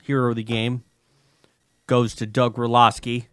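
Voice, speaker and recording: A man rambles and teases his co-host in casual podcast chat, sounding exasperated. His voice sits at a medium pitch, recorded close and dry. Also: level tone, unhurried, a bit bright, clear, resonant tone, no echo.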